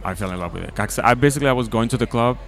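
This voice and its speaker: A man's voice: medium pitch, very fast, vocal fry. A man in his twenties from the Dominican Republic, a guest DJ chatting casually at an outdoor festival with lots of likes and ums. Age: 20s. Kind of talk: casual interview. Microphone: handheld mic.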